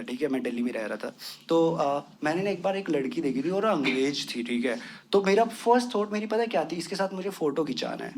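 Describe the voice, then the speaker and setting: A young man doing stand-up comedy with a western Uttar Pradesh accent, crude and full of swearing, mixing English into his talk. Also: on the high side. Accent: western Uttar Pradesh Hindi. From western Uttar Pradesh, India. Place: comedy stage with a laughing audience.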